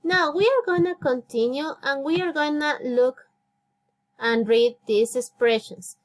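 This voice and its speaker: A woman's voice: high voice, measured pace. A woman in her thirties with an Ecuadorian Spanish accent, teaching a beginner English lesson. She talks patiently, repeats phrases and praises often. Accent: Spanish-speaking Ecuador. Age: 30s. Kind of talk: slow, clear classroom instruction.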